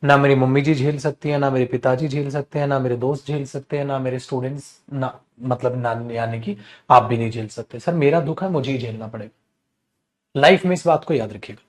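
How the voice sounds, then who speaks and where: A man teaching an exam-prep English class while running a fever, animated and addressing students as son and brother. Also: medium pitch, moderate pace. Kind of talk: classroom lecture.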